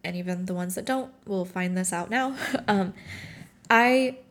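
A woman in her twenties from Morocco, tearful and tired, sharing a personal reflection and reading her own writing aloud in a halting, emotional way with frequent restarts. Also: fairly low pitch, fairly bright tone. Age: 20s.

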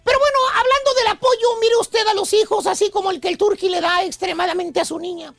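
A man's voice: very high voice, steady tone, fast talker, creaky, a bit bright, no room sound. A man hosting a radio comedy bit, calling everyone brother and son. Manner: theatrical, calls listeners brother and son. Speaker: radio show host. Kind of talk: comic preacher-style radio monologue.

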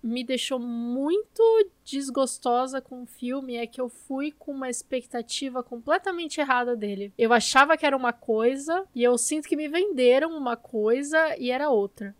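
A woman's voice: sits high, normal speed, dry recording. A Brazilian woman co-hosting a podcast in casual film discussion, with an informal, opinionated and emphatic way of talking. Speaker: podcast co-host.

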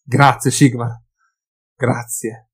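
A weary but brave young adventurer, voiced by a man reading a fantasy audiobook. He calls out loudly and urgently. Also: medium pitch, fairly quick, lightly acted. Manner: calling out loudly.

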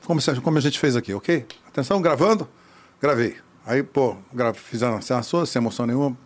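A man telling a lively anecdote about his acting career, acting out the other people's voices. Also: medium pitch, fast talker. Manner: animated storyteller, acts out voices. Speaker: actor telling a story. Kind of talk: casual anecdote.

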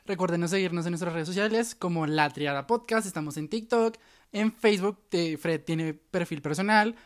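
A woman co-hosting a podcast, chatting casually in slangy, animated speech and laughing often. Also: on the low side, moderate pace. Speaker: podcast co-host. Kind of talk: casual chat.

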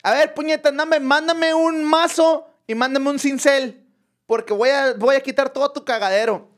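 Give me a man playing a crude, bossy foreman yelling orders from a rooftop. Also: very high voice, fairly even intonation, normal speed, pitched above the performer's own voice. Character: rough male construction foreman yelling down from a roof.

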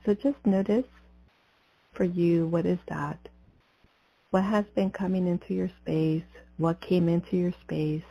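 A woman guiding a breathing meditation as a spiritual coach, in a soothing mystical healer manner with deliberate pauses. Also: on the low side, fairly even intonation, gravelly, slightly rough, no echo. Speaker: podcast host and spiritual coach. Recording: slightly dull, muffled lo-fi audio.

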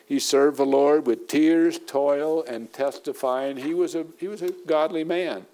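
Man, pastor, sermon, emphatic repetition, somewhat high-pitched. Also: a little slow, warm tone.

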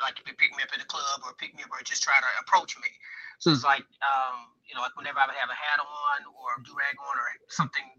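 Fast man muffled like inside a fishbowl. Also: medium pitch, pushed and bright, slightly rough. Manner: halting, repeats and restarts words. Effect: muffled headset sound, like talking inside a fishbowl. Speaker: guest on a talk show. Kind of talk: casual chat. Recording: dull, muffled headset line.

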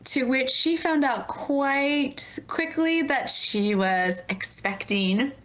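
A woman hosting a casual podcast, introducing her guest and reacting with quick remarks. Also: sits high, fairly bright tone. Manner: upbeat, interjects short reactions. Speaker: podcast host.

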